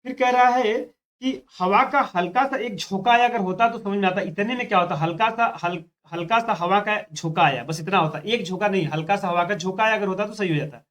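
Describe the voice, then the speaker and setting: Speaking briskly with few pauses, this man has a high, slightly bright voice as he guides students through practice test questions one step at a time. He repeats himself and addresses them directly with "dekho" and "thik hai" during the exam prep lesson.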